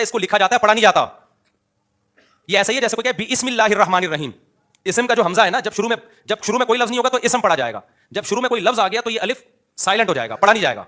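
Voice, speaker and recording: Lively high-pitched male cleric lecturing. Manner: animated, lecturing, mocking corrections. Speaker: Islamic cleric. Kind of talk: religious talk to an audience.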